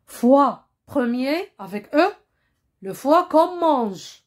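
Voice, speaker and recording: Woman, primary teacher, slightly high voice, slow and patient, lots of repetition. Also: very animated. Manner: patient, repeats words, checks with "hein?" and "compris?". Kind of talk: slow classroom explanation.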